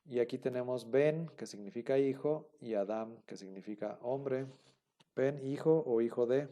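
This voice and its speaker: A man's voice: mid-range voice, moderate pace, mellow. A man teaching a class, explaining patiently and repeating himself with many fillers. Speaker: Biblical Hebrew teacher. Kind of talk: classroom lecture.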